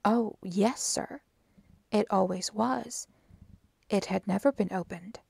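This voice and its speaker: A woman's voice: medium pitch, takes it slowly, gravelly, a little mellow, slightly rough, no room sound, full character voice. A woman voicing a nervous, deferential young housemaid who gives polite, hesitant answers in a storybook reading. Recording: dry close audiobook recording.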